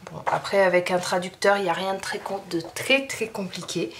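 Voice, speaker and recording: A woman's voice: mid-range voice, fairly even intonation, brisk, a little hiss or hum. A French woman chatting casually through an art-supply haul video, rambling with many fillers and restarts. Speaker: craft youtuber showing art supplies.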